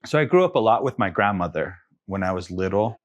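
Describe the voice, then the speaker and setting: Deep soft-spoken young man. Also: expressive, brisk. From Taos Pueblo, New Mexico. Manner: soft-spoken, reflective, many fillers. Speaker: guest artist. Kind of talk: casual interview talk.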